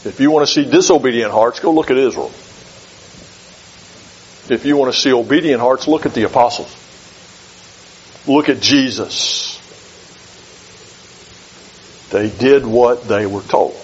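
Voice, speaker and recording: A man preaching a sermon in a measured, emphatic way, repeating key phrases for weight. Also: mid-range voice, breathy edge. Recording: dull lo-fi recording.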